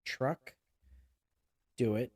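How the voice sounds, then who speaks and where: A man's voice: extremely slow, a little mellow. A tired man co-hosting a podcast, chatting casually with dry, teasing quips. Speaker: podcast co-host. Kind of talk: casual chat.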